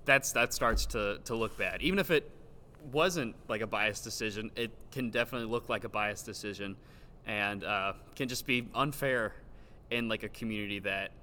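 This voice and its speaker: A man's voice: fairly low pitch, normal speed, sharp tone. A man chatting casually as a guest with careful, hesitant phrasing, recorded in a large old gym with big-hall echo. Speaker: podcast guest, stage actor. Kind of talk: casual chat. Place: large old gymnasium used as a theater, indoors. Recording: roomy big-hall echo, background noise.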